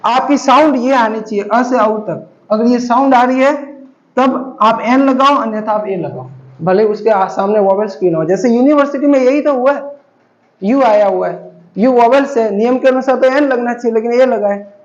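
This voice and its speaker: A man with a very high voice teaches a grammar class. He explains patiently and goes over each example several times. The recording is dull and lo-fi, in an echoey room. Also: normal speed. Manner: patient, repetitive explaining, addresses students as beta.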